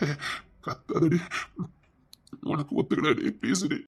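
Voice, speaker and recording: A man's voice: fairly high pitch, a little slow, vocal fry, slightly rough, full character voice. An actor playing a remorseful young husband with a Tirunelveli Tamil accent, who pleads with his wife and keeps repeating his apologies. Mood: pleading. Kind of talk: TV serial acting.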